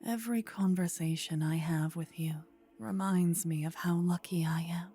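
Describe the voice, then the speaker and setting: In an intimate ASMR roleplay, a woman voices a possessive, warlike demon queen, whispering breathily in measured, formal, regal phrases. Her pitch sits fairly low with fairly even intonation and a warm tone, and she sounds tender and grateful.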